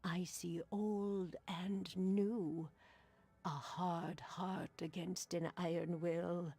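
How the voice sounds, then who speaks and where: A woman playing a knowing, mysterious fortune teller in a video game, speaking theatrically in a breathy, raspy half-whisper. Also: fairly low pitch, little pitch movement, mellow, exaggerated voice. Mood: ominous, prophetic. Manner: theatrical fortune-teller delivery, cryptic and drawn-out. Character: mysterious old-fashioned female fortune teller, knowing and cryptic. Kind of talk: dramatic video game voice acting.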